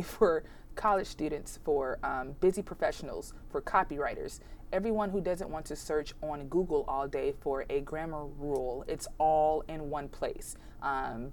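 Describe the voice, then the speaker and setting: Teaching punctuation on a casual instructional podcast, the host speaks in a low, slightly mellow voice made strained by illness. She's chatty and encouraging and spells out her examples carefully, with slight background noise present.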